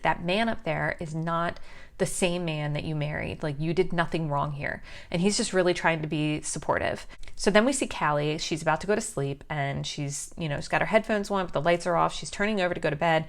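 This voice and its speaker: Chatty woman recapping a film plot. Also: low voice. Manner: chatty, many fillers like um and you know. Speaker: movie recap vlogger.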